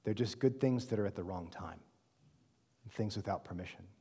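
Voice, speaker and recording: A man teaching a Bible study class in a relaxed lecture style, often checking in with his listeners and pausing on "um" as he thinks. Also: fairly low pitch, husky. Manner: conversational, checks in with "right?" and "okay?"; frequent "um" fillers and self-corrections. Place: reverberant room with a live group. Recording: long room reverb.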